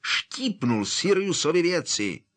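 Man putting on an enraged teen boy, sharp, accusing, animated. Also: medium pitch, pitched above the performer's own voice. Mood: furious. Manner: furious, shouting accusations. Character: angry teenage boy wizard.

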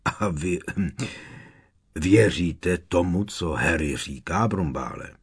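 A man's voice: low voice, expressive, husky, heavily acted. A man reading an audiobook, voicing a defensive middle-aged male minister who argues in an agitated, raised voice. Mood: suspicious.

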